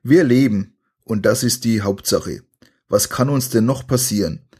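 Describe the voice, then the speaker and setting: A man's voice: on the low side, a little slow, slightly rough. A man voicing a young boy hero in a spoken adventure story, crying out in fear and reassuring his friend. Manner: frightened cries turning to steady reassurance.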